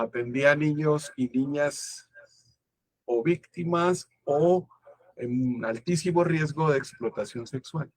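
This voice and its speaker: A man's voice: a little high, no room sound. Thoughtful Colombian man lecturing. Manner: thoughtful, searching for words. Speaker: guest lecturer. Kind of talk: conference talk.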